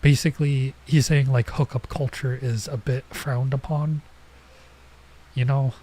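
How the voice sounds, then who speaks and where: At a measured pace and in a steady, mellow tone, a medium-pitched male streamer narrates his visual novel playthrough over slight background noise. A cold is coming on, so his voice is nasal and blocked up, and his casual commentary rambles with chatty side remarks.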